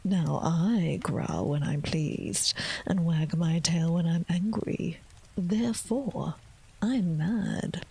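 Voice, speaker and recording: A woman whispering the part of a sly, grinning, riddling cat in a storybook reading, drawing out her words slowly. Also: lowish voice, vocal fry, warm tone, slightly rough, exaggerated voice. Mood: sly, drawling.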